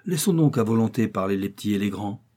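A man voicing a cheerful fortyish naval captain, speaking jovially and with a raised, lively voice, in an audiobook. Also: lowish voice, fast. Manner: jovial, warm-hearted.

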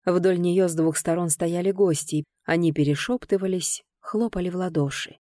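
A woman reads a first-person audiobook with lively, expressive storytelling. Her voice sits low and sounds dark and mellow, and the recording is close and dry with no room around it. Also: moderate pace, no room sound. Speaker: audiobook narrator.

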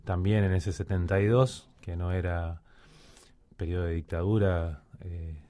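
A man's voice: low voice, fairly even intonation, measured pace, dark tone, no echo. A man, a guest on a radio talk show, speaking hesitantly with many fillers, a little nervous. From Cuba. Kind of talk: casual radio interview.

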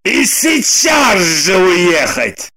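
A woman voicing an angry, scheming young man in an audiobook, with gruff, scornful shouting. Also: on the low side, sing-song, drawn-out words, noisy background, exaggerated voice. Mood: wary. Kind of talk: audiobook narration with voiced characters.

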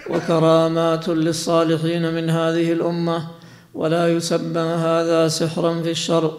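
A man with a fairly high voice reads a religious text aloud in class. His recitation is measured and nearly flat in pitch, with almost no rise or fall. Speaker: student reading the text aloud.

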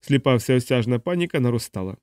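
A male narrator with a dark, mellow voice reads a novel aloud at a steady, even pace. The recording is dry and close, with no room sound around him. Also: medium pitch, quick pace, smooth, no echo. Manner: steady, even literary reading. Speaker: audiobook narrator. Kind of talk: scripted audiobook narration.

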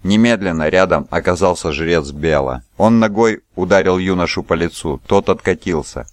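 A man with a very low, deep voice reads a novel aloud in an even, measured way. The sound is dry and close, with no room around it. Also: no echo. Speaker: audiobook narrator. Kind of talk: scripted narration.

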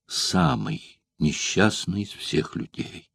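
A gladiator bound by an oath, his voice trembling and broken by sorrow, as a male audiobook narrator plays him. The tone sits low and heavy. It is close and dry. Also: expressive, slow, no echo, full character voice. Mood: anguished.

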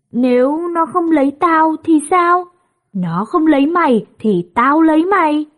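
A woman narrating a story in a gentle, measured storytelling voice. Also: fairly high pitch. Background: soft music.

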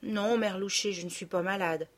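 A woman's voice: medium pitch, steady tone, normal speed, lightly acted. A woman voicing a timid pleading little girl. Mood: subdued. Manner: soft, hesitant, pleading. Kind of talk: audiobook character reading.

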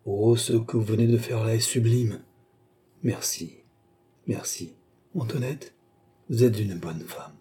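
A kindly, good-hearted king speaks in a genial, affectionate way, as a man reads him aloud. The voice is dark and mellow with a husky edge. It is an unhurried storybook reading. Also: fairly low pitch, full character voice. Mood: moved. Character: kindly, good-natured king, warm and cheerful. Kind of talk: audiobook reading.

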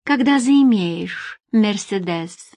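Woman reader doing a lazy, condescending young secretary, shrill, dry close sound. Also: animated, a little slow, dry recording. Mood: teasing. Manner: condescending, shrill when irritated.

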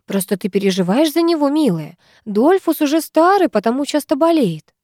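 A woman voicing a gentle mother soothing her daughter. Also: high-pitched, very animated, moderate pace, dry recording, studio quality, pitched above the performer's own voice. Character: gentle, caring young mother.

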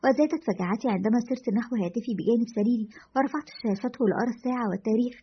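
A woman's voice: on the high side, rapid-fire, slightly rough. A woman voicing an anxious man calling a radio show, recounting unsettling events in a confessional, uneasy way. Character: anxious man caller, shaken by strange events. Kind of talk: storytelling narration. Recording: lo-fi dull audio.

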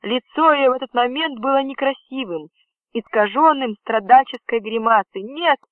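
A man's voice: very high-pitched, moderate pace, no echo. A man reading a first-person story aloud as an audiobook narrator, in a tense, dramatic manner. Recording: dry, tinny phone-like audio.

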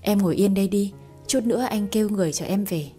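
A firm, patient young man who lectures and then coaxes, as a woman narrator puts him on. The voice is mellow and unhurried, read as a storybook. Faint music plays behind. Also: medium pitch, close to an everyday voice. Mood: gentle.

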